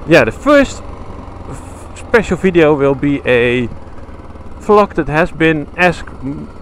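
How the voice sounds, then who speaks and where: A motovlogger with a Dutch accent and a fairly high, animated voice speaks at a slow pace as he rides outdoors through the countryside. His talk is chatty and meandering, full of self-corrections. His helmet camera mic records the motorcycle engine and wind under his words.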